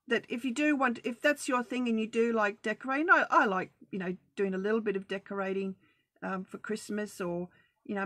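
A middle-aged Australian woman hosts a budgeting group's casual Facebook Live chat, offering chatty, practical and reassuring talk about saving money. Her voice is medium in pitch and a bit bright, captured with studio quality and no echo.

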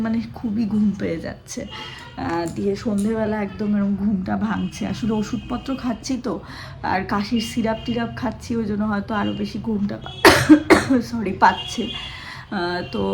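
Hoarse woman vlogging at home, keeps her voice soft and easy cuz her throat's sore, mid-pitched. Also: a little hiss or hum. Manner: speaks softly and carefully to spare her voice. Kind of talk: casual vlog chat.

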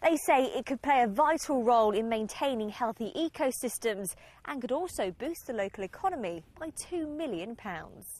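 A woman narrating a scripted news report in a crisp manner. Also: on the high side, expressive, moderate pace, darkish tone.

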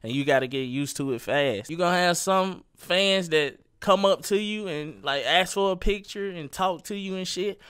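Young male commentary vlogger, slangy and direct, fairly high, smooth voice. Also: fairly bright tone. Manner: loose, slangy, talks straight at the viewer. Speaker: YouTube commentary host. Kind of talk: casual celebrity gossip commentary.

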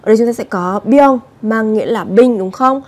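A woman gives a Korean vocabulary lesson. Her voice sits slightly high and sounds mellow and relaxed. She repeats each word patiently and often turns to her viewers with direct questions. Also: normal speed. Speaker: Korean language teacher.

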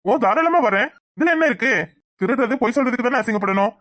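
A man's voice: very high-pitched, expressive, fast, a bit bright, dry recording, clean studio sound. A man voicing a proud, devoted young husband who speaks earnestly and makes speeches. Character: proud devoted young husband, brave about being broke.

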